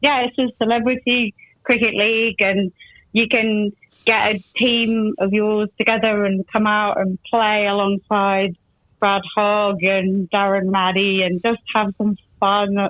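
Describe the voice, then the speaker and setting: A woman's voice: medium pitch, level tone, a little slow, no room sound. A woman telling chatty stories as a guest on a podcast interview. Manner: chatty storyteller. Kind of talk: casual interview chat. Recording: tinny phone line, dry.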